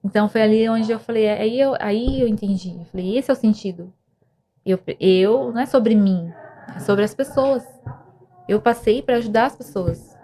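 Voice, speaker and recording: Speaking at normal speed with a dark tone in a fairly high voice, this young woman gives a heartfelt podcast testimony about her faith and depression. She frequently starts her sentences over.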